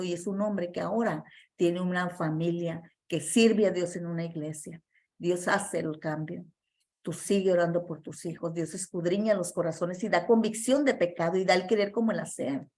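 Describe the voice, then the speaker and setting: A woman's voice: on the low side, darkish tone. Earnest Spanish-speaking woman preaching. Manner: earnest, emphatic, many fillers and restarts. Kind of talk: sermon testimony.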